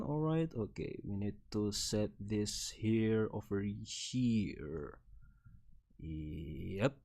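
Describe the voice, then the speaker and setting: An Indonesian man in his thirties streams as a VTuber, speaking English with an Indonesian accent in a mid-range, slightly mellow voice. He presents slides about himself casually, rambling good-naturedly and chuckling often.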